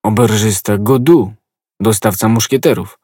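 A man's voice: fairly low pitch, normal speed, darkish tone, breathy edge, no room sound, studio quality. A man doing an eager young swordsman. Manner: urgent, earnest. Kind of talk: audiobook reading.

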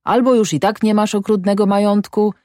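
A woman's voice: mid-range voice, fairly even intonation, fairly quick, darkish tone, no room sound, clean studio sound, pitched above the performer's own voice, close to an everyday voice. Woman voicing a wary old peasant farmer. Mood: grumbling storytelling. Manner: rustic dialect, muttering and grumbling. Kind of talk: audiobook character voice.

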